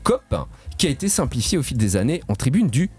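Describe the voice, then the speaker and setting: A man with a slightly husky voice, hosting a radio quiz in a studio in a joking, playful way. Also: mid-range voice, quick pace. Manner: lively, joking, stretches key words. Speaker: quiz host.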